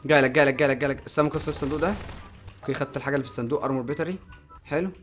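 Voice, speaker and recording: A young man with an Egyptian Arabic accent hosting a game video, giving excitable commentary, shouting orders and cheering his teammate on. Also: mid-range voice, very fast, faint music behind. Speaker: gaming channel host.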